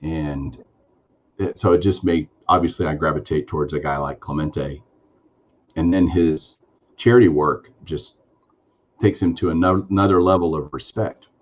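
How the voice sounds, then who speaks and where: On this sports card podcast, the male co-host has a rumbling low voice with fairly even intonation and a moderate pace, and the recording's highs are cut off. He's enthusiastic and casual, rambling along with lots of fillers.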